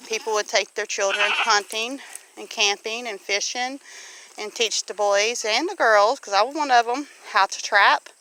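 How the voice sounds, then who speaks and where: A middle-aged Southern US woman, a homesteader vlogger, chats casually outdoors near her farm animals, folksy and fond of asking the listener questions. Her voice sits on the high side, bright and forceful, at a moderate pace. The audio quality is poor.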